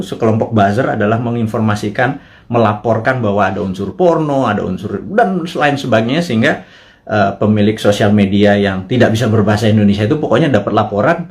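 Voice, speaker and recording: A man hosting a live show, delivering a political commentary monologue with impassioned rhetorical questions and colloquial asides. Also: mid-range voice. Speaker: host.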